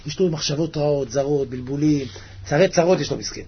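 A man giving a Torah sermon, animated and dramatic, leaping into high cries as he acts out the story. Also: husky, muffled recording. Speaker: rabbi.

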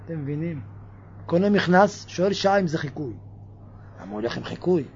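Animated man preaching with mocking questions. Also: a little high, dull audio, slight background noise. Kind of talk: religious sermon.

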